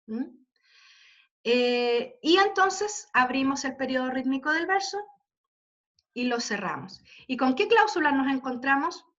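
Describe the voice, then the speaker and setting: A woman's voice: sits high, animated, measured pace. A woman teaching a literature class, patiently walking students through examples and checking in with them. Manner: checks in constantly with tag questions. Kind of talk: online class lecture. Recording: dull lo-fi audio.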